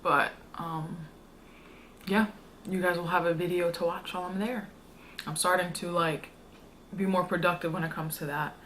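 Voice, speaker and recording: A woman's voice: lowish voice, little pitch movement, moderate pace, long pauses, a bit bright. Casual young woman vlogger, noisy background. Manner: informal, slangy, rambling delivery. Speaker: food vlogger. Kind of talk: casual mukbang chat to viewers.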